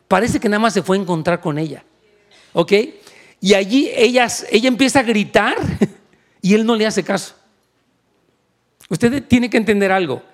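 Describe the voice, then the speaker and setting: A male pastor preaching an animated sermon, switching into English and asking for amens. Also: high voice, moderate pace, pauses often. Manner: animated, switches into English, asks the crowd for amen.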